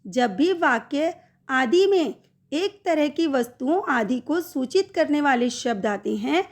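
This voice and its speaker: A middle-aged woman teaching a Hindi grammar lesson to schoolchildren, speaking some examples in an animated voice. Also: sits high, slow pace. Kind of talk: slow recorded classroom lesson.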